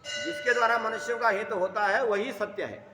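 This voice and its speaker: High, bright male preacher in an echoey hall. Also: normal speed, distant mic, over music. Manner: recites Sanskrit verses then explains in Hindi; frequent throat clearing. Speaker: religious storyteller. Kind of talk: devotional scripture discourse.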